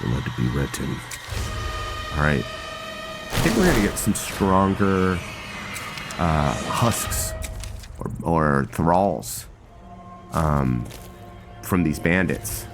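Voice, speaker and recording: A man's voice: low-pitched, big pitch swings, drawn-out words, long pauses, music in the background. A man giving casual let's-play commentary on a role-play game, thinking aloud in rambling, broken-off phrases. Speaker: gameplay host.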